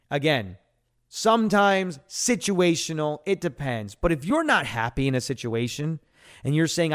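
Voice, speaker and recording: An American man hosting a radio show, giving an emphatic sales talk and repeating key phrases. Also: medium pitch.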